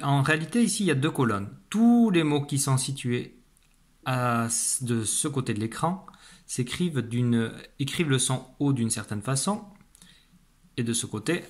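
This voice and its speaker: A man teaching young children a phonics lesson, saying each sound slowly and carefully. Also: medium pitch. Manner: slow, careful, stretched-out pronunciation of sounds. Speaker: primary school teacher.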